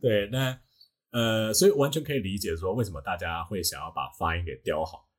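A man with a Taiwanese Mandarin accent and a husky voice, casually explaining his views as a podcast host and teacher, often circling back over his words. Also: fairly low pitch, a little fast.

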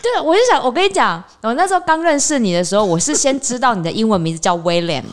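A female co-host with a Taiwanese Mandarin accent. Her voice sits a little high and moves in a lively way as she chats casually and tells stories in colloquial, expressive speech. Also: fast. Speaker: talk show co-host. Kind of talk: casual chat.

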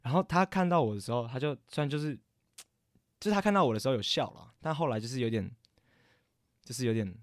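A man's voice: medium pitch, expressive, fast, long pauses, dry recording, studio quality. A young man, a podcast co-host telling a story in casual chat, rambling and often correcting himself. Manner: rambling, stammering, frequent self-corrections.

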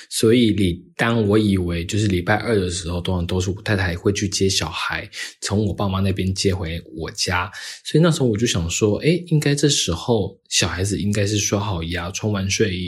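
A man's voice: low-pitched, slightly rough. A man in his thirties, co-hosting a podcast, telling a long story in casual chat with many restarts and fillers. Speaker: podcast co-host.

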